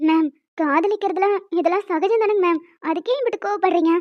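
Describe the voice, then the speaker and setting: A woman voicing a defensive young female college student in an animated story. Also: very high voice, a little fast, highs cut off. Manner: pleading, defensive.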